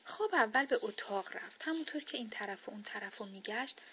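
A woman reading a children's bedtime story aloud, soft, gentle and expressive. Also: a little high, slight background noise.

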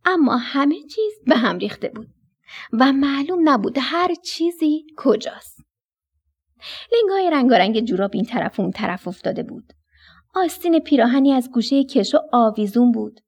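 A woman with a high, husky voice tells a children's bedtime story on the radio, addressing the kids affectionately and with animation. The audio has its highs cut off.

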